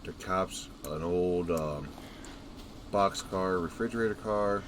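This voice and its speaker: A man with a deep voice chats casually through a video game, musing wryly to himself. Game ambience and clear noise sit behind his voice. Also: takes it slowly. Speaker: gamer narrating playthrough. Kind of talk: casual gameplay commentary.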